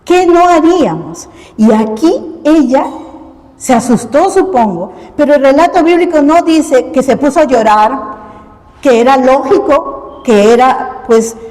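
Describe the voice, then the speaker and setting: A Peruvian woman with a high, light voice preaches to her congregation. She keeps turning to the listeners with rhetorical questions and stumbles through restarts as she retells the story. Her voice rings with a long reverb in a church hall. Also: animated, a little slow, darkish tone. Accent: Peruvian Spanish. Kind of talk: sermon.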